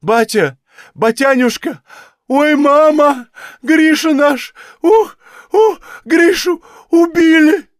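A man reading an audiobook, voicing a frightened young peasant woman who talks in a hurried, breathless way. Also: a little high, lively intonation, dry recording, studio quality, lightly acted. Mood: wailing.

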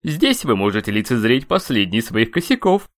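A man voicing a sly, booming male dark entity in an audiobook, sugary and mocking in tone. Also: wildly swooping pitch, normal speed. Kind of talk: audiobook character voice.

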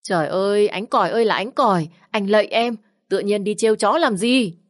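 A woman's voice: on the low side, moderate pace, lightly acted. A woman doing a whiny, jumpy young man. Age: 20s. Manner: complaining, exclaiming. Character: timid young man, whiny and easily scared.

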